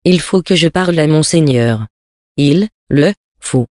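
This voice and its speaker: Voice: mid-range voice, unhurried, a little mellow, no room sound, clean studio sound, lightly acted. A reader voicing a flustered, pious elderly country priest who stammers in alarm, in a storybook reading.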